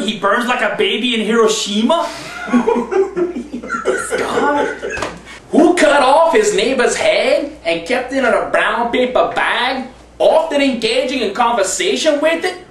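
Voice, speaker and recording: A man's voice: very high voice, a bit bright. A young man performing comedy jokes in a brash, exaggerated, boisterous call-and-response delivery. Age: young adult. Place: bare indoor room, standing group. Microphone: camera mic a few metres away. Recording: roomy, noisy camera audio from a distance.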